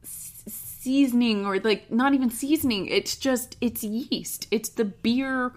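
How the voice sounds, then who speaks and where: A woman's voice: fairly high pitch, unhurried. A woman co-hosting a casual food podcast, chatty and joking, laughing often, and explaining food history from her notes. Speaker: podcast co-host. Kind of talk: casual chat.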